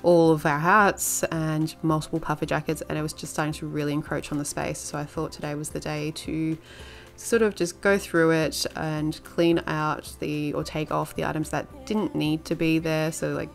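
A woman's voice: low-pitched, little pitch movement, moderate pace, creaky, faint music behind. A woman narrating her home cleaning video in a casual, chatty voice-over, rambling a little with filler words.

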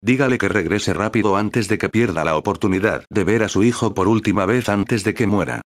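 A man's voice: lowish voice, fairly quick, dry recording, studio quality. A man reading a furious loyal steward. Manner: shouting threats. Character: angry loyal male steward, furious and threatening.

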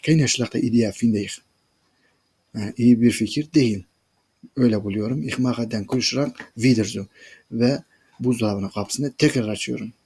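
A man with a husky, mid-pitched voice reads a story sentence by sentence. He translates each line and explains it to listeners he calls friends, like a teacher. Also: moderate pace, darkish tone. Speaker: German language teacher reading a story. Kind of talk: reading a German story aloud and translating it line by line.

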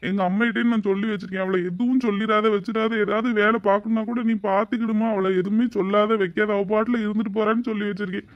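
Brief: a wronged young husband in a cartoon, high-pitched and rapid, complaining. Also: male voice, flat delivery, no room sound, dull audio. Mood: aggrieved. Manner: complaining, aggrieved, rhetorical questions. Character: exasperated young husband, wronged and self-pitying.

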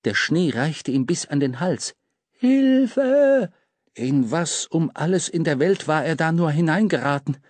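A man narrating a children's audiobook in a lively, dramatic storytelling manner. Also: fairly high pitch, normal speed, few pauses, no echo. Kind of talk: scripted narration.

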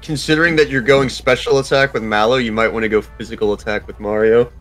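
A man's voice: mid-range voice, fairly even intonation, fast, a bit bright. A man giving casual, sweary video game commentary as he advises the player in an instructive way. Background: video game music.

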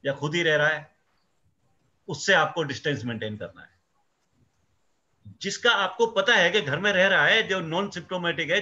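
Emphatic male professor, bright lo-fi voice. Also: fairly high pitch. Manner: emphatic, mixing Hindi with English phrases. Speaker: microbiology professor. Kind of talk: explanatory interview talk. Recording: dull lo-fi sound.

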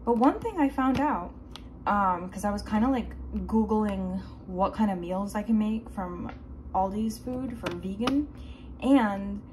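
A woman's voice: medium pitch, a little slow, a little mellow. Young woman rambling thru her grocery haul on a phone, lots of ums, some noise behind her. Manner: chatty, rambling, with many fillers and asides. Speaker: vegan grocery haul vlogger. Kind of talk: casual chat. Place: indoors at home. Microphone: handheld phone filming products. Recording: noticeable background noise.

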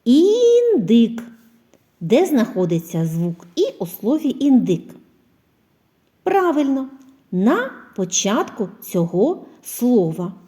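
A woman kindergarten teacher giving a phonics lesson to preschoolers, asking questions, pausing for answers and spelling out example words slowly and clearly. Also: medium pitch, very animated, warm tone. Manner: asks questions and pauses for children's answers.

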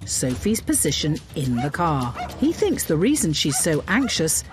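A woman delivers scripted voice-over narration with a lively storytelling lilt. Her voice sits on the low side yet swings widely in pitch. Music plays clearly behind her. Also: unhurried. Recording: music bed under the voice-over.

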